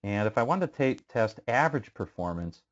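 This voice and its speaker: Low-voiced man lecturing a class. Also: very animated, brisk. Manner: conversational, questioning students, frequent fillers. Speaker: instructor. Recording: muffled lo-fi classroom recording.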